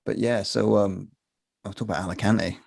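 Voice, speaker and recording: English guy, young, rapid joking storyteller, low gravelly voice, dry close mic. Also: fairly even intonation, darkish tone. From England. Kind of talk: casual chat.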